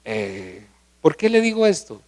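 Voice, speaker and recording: A man's voice: a little high, wildly swooping pitch, a little slow, a little mellow. A male pastor preaching a sermon, often asking the congregation questions.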